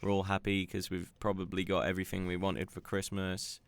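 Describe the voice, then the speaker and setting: A man's voice: low-pitched, completely flat delivery, brisk, gravelly, clear, resonant tone. A young man from England co-hosting a podcast in joking, teasing casual chat on a close mic. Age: young adult. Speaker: podcast co-host. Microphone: close mic without pop shield.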